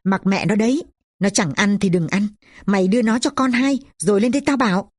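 A woman's voice: medium pitch, fairly quick, no room sound, clean studio sound, natural voice. A woman voicing a drunken, angry, middle-aged poor father who scolds and curses his daughter. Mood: commanding.

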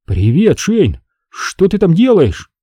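Guy reading an audiobook doing creepy dead brother, sweet coaxing talk, higher voice, kinda husky. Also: huge pitch swings, slow pace, mellow, no room sound, exaggerated voice. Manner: coaxing, lazily smiling. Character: eerie friendly dead brother, grown man, coaxing.

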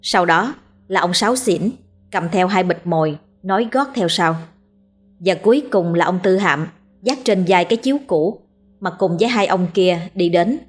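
Low-voiced woman narrating a ghost story. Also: normal speed, soft background music. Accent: Southern Vietnamese. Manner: steady storytelling.

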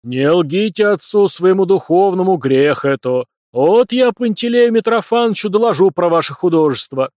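Man doing a booming stern old priest. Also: animated, no room sound, clean studio sound, natural voice. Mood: scolding. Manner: booming, slow, churchly scolding. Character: stern loud old village priest, scolding.

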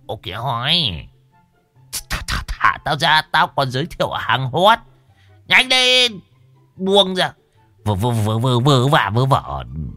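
A man's voice: mid-range voice, huge pitch swings, slow, pauses often, sharp tone, faint music behind, voice pushed up, full character voice. A man voicing a wild, drunk old man who stammers and makes a mock-pompous sales speech for a coffin. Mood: protesting.

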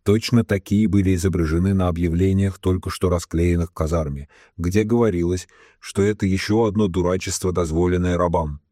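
An audiobook narrator reads a novel in scripted narration, his low, warm voice keeping fairly even intonation. He voices every character himself with little change, slowing down for solemn quotes. The recording is clean studio sound with no room sound.

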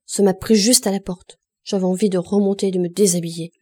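A woman's voice: medium pitch, steady tone, brisk, mellow, breathy edge, close to an everyday voice. A woman voicing a fussy, angry married woman at a wedding, sputtering indignant complaints.

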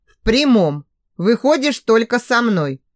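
A cocky young guy who bosses people around and drawls lazy teasing lines, as a woman reader plays him in her own lively voice. he sounds dry and close up, like it's recorded in a dead studio. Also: fairly high pitch, a little slow, no room sound. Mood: bossy serious. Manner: lazy, commanding.

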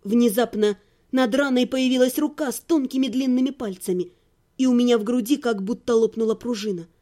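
A woman reading a first-person audiobook with expressive storytelling. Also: a little high, brisk. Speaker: audiobook narrator.

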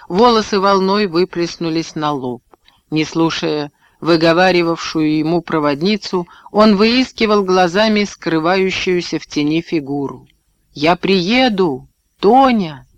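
Brief: male audiobook narrator, slightly high, steady, dry booth sound. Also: normal speed, no room sound. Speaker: audiobook reader. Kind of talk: scripted narration.

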